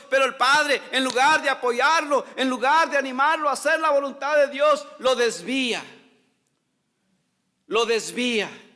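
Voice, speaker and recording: Male pastor, very high and bright voice, preaching in a reverberant church, loud then hushed. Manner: preaching, repeats "hermanos" often, swings between loud and hushed. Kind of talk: sermon. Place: church hall. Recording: long church hall reverb.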